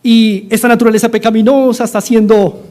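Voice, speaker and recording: A man's voice: very high-pitched, flat delivery, a little fast, darkish tone. A middle-aged man with a Colombian accent, preaching a sermon as a pastor, earnestly repeating his exhortations. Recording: studio-like radio sermon.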